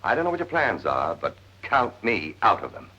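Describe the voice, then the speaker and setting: An exasperated, sardonic man trading screwball comedy banter. The voice is very low and rough-edged, with lively swings in delivery. It comes through a muffled vintage film soundtrack. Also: moderate pace, heavily acted. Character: exasperated, wry man convinced his brother returned as a dog.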